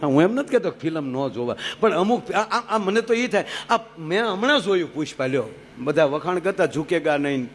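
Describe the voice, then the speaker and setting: A man telling folk stories on stage, lively and joking, switching between voices. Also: high voice, fairly quick, soft background music. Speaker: folk storyteller. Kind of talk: live humorous folk storytelling.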